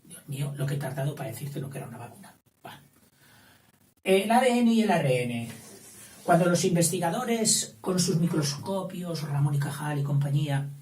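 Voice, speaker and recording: A man's voice: fairly high pitch, animated, moderate pace, a little mellow. Man, teacher, school lesson, rambling explanation, self-correcting, far from the mic, echoey room. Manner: digressive, self-correcting, checks in with a tag question. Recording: roomy, distant mic, faint background noise.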